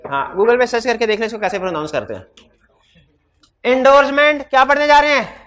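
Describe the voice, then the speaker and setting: A man teaching law in a hybrid classroom. He has a sore throat, speaks loudly into a microphone, and keeps putting questions to his students. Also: very high-pitched, very animated, brisk. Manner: quizzes students with repeated questions. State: throat trouble, talking loudly. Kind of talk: classroom lecture.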